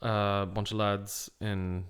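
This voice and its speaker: Joking podcast host. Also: male voice, on the low side, flat delivery, slow pace, clean tone. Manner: joking, conversational. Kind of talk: casual podcast interview.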